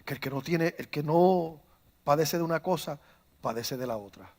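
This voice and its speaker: A man, a pastor preaching a sermon who starts calm and builds to loud, fervent preaching, acting out stories along the way. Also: on the high side, moderate pace. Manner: tells stories, acts out quoted voices. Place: church.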